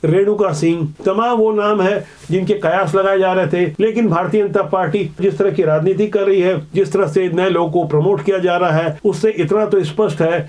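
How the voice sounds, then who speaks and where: A man presenting political news commentary in a measured, explanatory way. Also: sits high, fairly even intonation, a little mellow. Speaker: news anchor.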